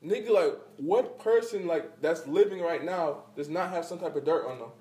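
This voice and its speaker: Man ranting loud in an echoey room. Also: a little high, moderate pace. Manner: emphatic, ranting, heavy profanity and slang. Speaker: podcast co-host. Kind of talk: casual chat. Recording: echoey room, mic at a distance.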